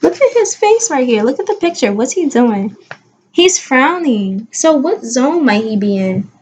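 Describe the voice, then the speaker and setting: In a high, husky voice at a measured pace, a woman kindergarten teacher leads an expressive read-aloud lesson for young children, prompting them with questions and stressing important words.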